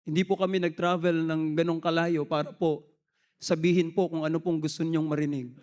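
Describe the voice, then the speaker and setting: A man's voice: a little high, level tone, fairly quick, darkish tone. A man preaching a sermon in a storytelling way, respectful and mixing in English phrases. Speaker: lay preacher.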